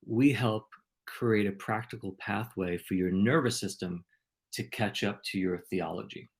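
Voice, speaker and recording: A man's voice: lowish voice, unhurried, slightly rough. A man hosting a podcast and being interviewed, talking in an ornate, playful way. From New York.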